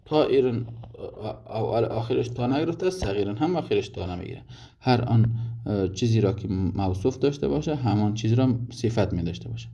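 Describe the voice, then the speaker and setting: A man's voice: lowish voice, animated, dark tone. A man teaching Arabic grammar step by step, working through many examples and restarting often. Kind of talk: recorded grammar lesson summary. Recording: dull lo-fi audio with clear noise.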